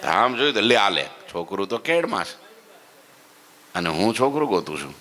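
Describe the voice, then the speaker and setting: Bright-voiced preacher telling stories. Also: male voice, very animated, normal speed, in a large hall. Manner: storytelling, swings between loud exclamations and low asides, checks in with listeners. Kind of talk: devotional story sermon. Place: temple hall.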